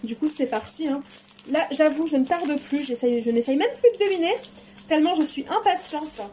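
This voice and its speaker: A high-pitched woman, chatting away eagerly as she unboxes her crafting parcels. Her voice is soft and mellow rather than bright, and a faint hiss sits under the home recording. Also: lively intonation, moderate pace. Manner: enthusiastic, chatty, exclaims often. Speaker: crafting vlogger. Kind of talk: casual unboxing chat.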